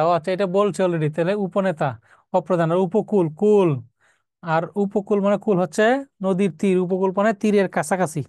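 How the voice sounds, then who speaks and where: A man teaching a live grammar lesson, his voice high and smooth. He works through exam questions step by step, repeating key words and asking rhetorical questions. The sound is dry and close to the mic. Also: darkish tone, no room sound. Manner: reads out student names and comments.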